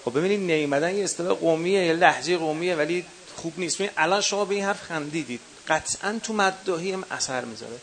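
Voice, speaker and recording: With a Qom accent, a man leads a workshop for eulogy singers in front of a live audience, counting off numbered points and calling his listeners dear ones. His voice is somewhat high and slightly bright.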